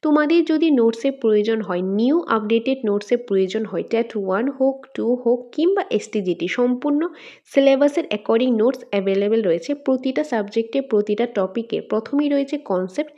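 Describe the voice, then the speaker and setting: A woman teacher with a Tripura Bengali accent giving an exam-prep lesson, asking questions and answering them herself and drawing words out slowly to show their syllables. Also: a little high, expressive, mellow. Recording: dull lo-fi sound.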